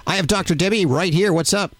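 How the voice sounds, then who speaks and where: A man hosting a pet radio show who takes calls in a brisk, upbeat announcer manner. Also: high-pitched, no echo. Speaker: radio host.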